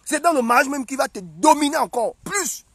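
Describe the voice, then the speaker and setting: A young man preaching an animated sermon as a prophet, emphatic and repetitive. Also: extremely high pitch, brisk, no echo, clean studio sound. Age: young adult. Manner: emphatic and repetitive, acts out scenes.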